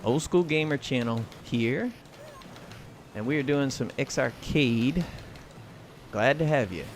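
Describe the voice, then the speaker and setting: A man's voice: medium pitch, expressive, takes it slowly. An American man hosting a livestream, chatting casually and commenting while he plays. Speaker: livestream host and gamer. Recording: clear noise, game sounds behind. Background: video game sound and clacking arcade buttons.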